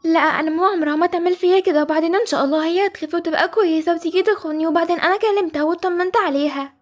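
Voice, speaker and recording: A high, quick voice: a woman plays an earnest Egyptian schoolgirl, sweet and hopeful, newly arrived in a children's home in an animated game story. She speaks fast and pleads softly, always steady in her hope. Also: faint music behind. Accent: Egyptian Arabic.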